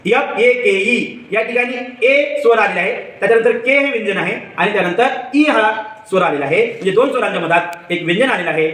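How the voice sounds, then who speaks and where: A man giving a children's phonics lesson, slowly spelling out letters and asking the viewer questions, then answering them himself. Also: sits high, a bit bright. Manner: slow, patient, spells letters one by one. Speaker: teacher. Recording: echoey room, far from mic.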